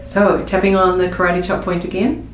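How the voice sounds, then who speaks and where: A woman coaching viewers through a tapping session, speaking slow, emotive first-person affirmations. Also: on the low side, level tone. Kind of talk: guided tapping script spoken in first person. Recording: roomy with faint music behind.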